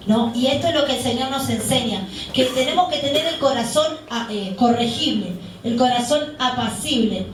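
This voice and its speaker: A woman with a fairly high voice preaches a sermon as a deaconess, often posing questions to the congregation and answering them herself. She's recorded from a distance in a very echoey church hall, with slight background noise.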